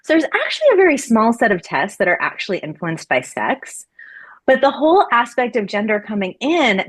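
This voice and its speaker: A husky, mid-range female voice belongs to a laboratory medicine researcher in her forties from Florida, USA. Appearing as an interview guest, she talks casually and chattily, laughing easily and using many fillers and restarts.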